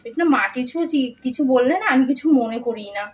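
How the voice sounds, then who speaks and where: A woman's voice: high voice, quick pace, natural voice. A woman playing a young newlywed wife who speaks earnestly about her mother-in-law, in a comic family skit. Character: young newlywed bride, gentle and accommodating.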